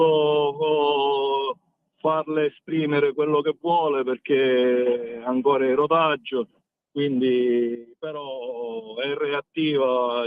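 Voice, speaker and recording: A man calling in on speakerphone while driving, explaining plans in a halting, step-by-step way as an event organizer. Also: mid-range voice, dry recording. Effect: on speakerphone over a phone line while driving. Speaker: phone-in guest, event organizer. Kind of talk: casual phone chat on radio. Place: in a car. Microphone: hands-free car speakerphone. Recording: dry, tinny phone line.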